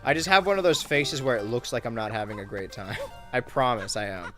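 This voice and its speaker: Young male streamer, mid-pitch, wry and easygoing, faint game music under him. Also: fairly quick, bright, forceful tone. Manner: laid-back, wry, reads chat aloud while playing. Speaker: streamer and YouTuber. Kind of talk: casual gaming livestream chat.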